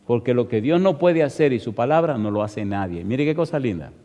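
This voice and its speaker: A man's voice: medium pitch, lively intonation, brisk, warm tone, big-room sound, dull audio. A male pastor preaching a sermon, telling a story with emphasis and firing rhetorical questions at the congregation.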